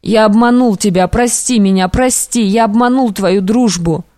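A woman voicing an anxious, guilt-ridden young male clerk who pleads haltingly, in an audiobook. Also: medium pitch, a little mellow, dry recording, studio quality, natural voice. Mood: pleading. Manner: imploring, halting.

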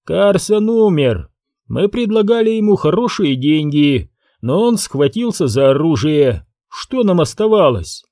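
A man's voice: on the high side, sing-song, a little slow, mellow, no room sound, studio quality, voice pushed up. A man reading an audiobook, voicing a ruthless, domineering rancher boss who speaks in brusque commands.

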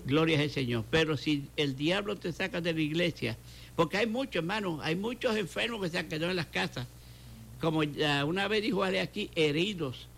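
An older man with a Puerto Rican Spanish accent talks briskly in a high-ish, creaky, fairly bright voice, with a little hiss or hum present. He is a pastor from Puerto Rico giving a fervent testimony on a talk show, using repeated phrases for emphasis and acting out dialogue he quotes.

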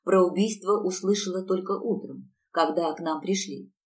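A meek, timid neighbour woman who speaks quietly and hesitantly, voiced by a woman reading a story aloud. Her voice sits low, and the mic is set back from the reader. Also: normal speed, lightly acted. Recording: distant mic.

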